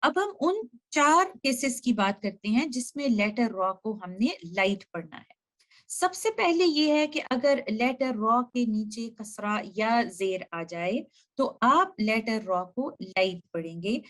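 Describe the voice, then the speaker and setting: Slow, high-voiced woman teaching recitation. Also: animated, fairly bright tone. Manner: slow, drawn-out demonstrations of example words, repeating them. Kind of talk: slide-based tutorial explaining pronunciation rules.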